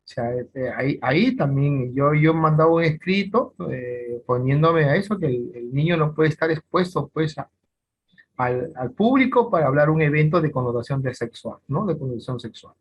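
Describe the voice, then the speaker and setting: Rambling Peruvian forensic psychology lecturer. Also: male voice, a little high, moderate pace, husky, highs cut off. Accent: Peruvian Spanish. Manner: rambling, many fillers and restarts, lively asides. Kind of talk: online class lecture.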